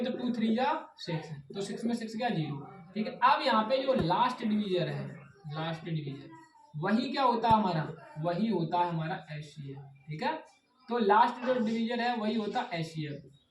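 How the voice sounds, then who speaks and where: A woman's voice: on the high side, lively intonation, moderate pace. Echoey far-off woman tutor drilling answers. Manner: asks questions and repeats the answers. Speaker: maths tutor. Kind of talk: blackboard maths lesson. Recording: echoey room, distant mic, background noise.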